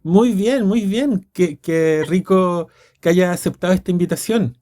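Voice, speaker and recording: This male podcast host, whose accent is Chilean Spanish, has a high-sitting, dark-toned voice and talks a little slowly. Running an interview, he comes across cheerful and talkative while frequently stumbling on repeated words.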